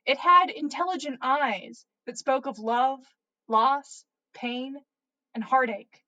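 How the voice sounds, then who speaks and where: A woman with a high voice and lively intonation reads listener fan fiction on a livestream, taking it slowly in a sharp tone with the highs cut off. She's a podcast host giving a theatrical, playful, animated reading, stumbling over words and swearing as she goes.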